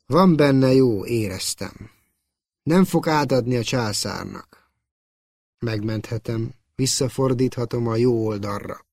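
A man voicing a young Jedi knight, speaking in an earnest, gentle way in an audiobook reading. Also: medium pitch, no echo, clean studio sound, natural voice.

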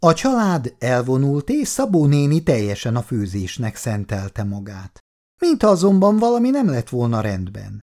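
A man reading a family story aloud in a low, measured narrating voice. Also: huge pitch swings, a little mellow. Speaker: reader.

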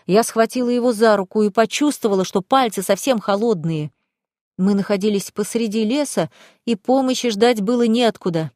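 A woman's voice: medium pitch, normal speed, darkish tone, dry recording, clean studio sound. A woman reading a first-person story aloud in a dramatic, tense way. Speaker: audiobook reader. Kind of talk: first-person audiobook narration.

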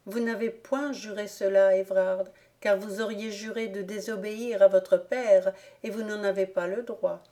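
A woman reading the lines of a gentle, resigned young woman, soft and quietly firm. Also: medium pitch, fairly even intonation, measured pace, few pauses, natural voice. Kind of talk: audiobook character reading.

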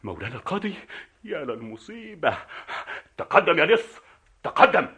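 A man's voice: fairly low pitch, very animated, moderate pace, sharp tone, exaggerated voice. A man acting a stern, bossy police soldier in a stage comedy, barking orders. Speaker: stage actor.

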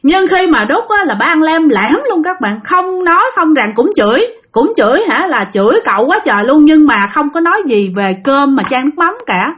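A woman telling a spooky tale in relaxed, conversational style. She has a high voice and keeps turning to address her listeners directly. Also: normal speed, few pauses. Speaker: storyteller. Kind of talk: casual spoken ghost story.

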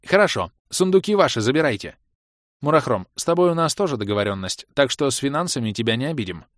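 A man's voice: medium pitch, sing-song, fast, no echo, studio quality, voice pushed up, natural voice. A man voicing a domineering baroness in an audiobook, barking and commanding. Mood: placating, commanding. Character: domineering baroness, a noblewoman leader. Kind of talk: audiobook character voice.

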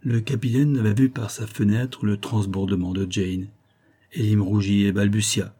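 A man reads a classic novel aloud in audiobook narration, with an even, storytelling flow. His voice is dark and mellow, with a husky grain, at a middle pitch. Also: moderate pace.

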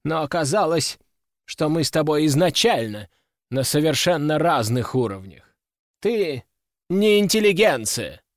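A man's voice: a little high, animated, unhurried, dry recording, clean studio sound. A man voicing an arrogant young duke who speaks in a cold, condescending way, in an audiobook reading.

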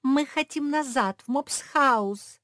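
A woman voicing the youngest little female pug, boastful and impatient, who shouts and bosses the others. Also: medium pitch, a little slow, no room sound, clean studio sound, voice pushed up. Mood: shrill demanding. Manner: excited, bossy shouting.

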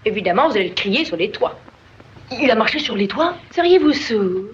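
A bossy, excited young woman. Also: on the high side, fairly quick. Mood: teasing. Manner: excited and teasing. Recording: dull old film soundtrack.

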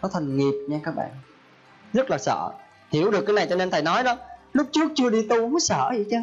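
A man's voice: sits high, lively intonation, quick pace, lo-fi sound, soft background music. A male Buddhist monk giving a folksy sermon, often acting out the people he quotes. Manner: folksy, acts out quoted speech. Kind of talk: Dharma talk sermon.

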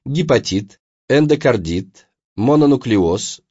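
A man's voice: medium pitch, lively intonation, slow pace, a little mellow, husky, no echo, lo-fi sound. A man, a doctor, giving a scripted medical talk with a dry, wry anecdote.

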